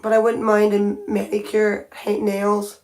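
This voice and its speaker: Painting her nails on a livestream at home by a window, a woman talks casually and thinks aloud, often restarting what she's saying. Her mid-range voice is monotone and darkish, at a measured pace.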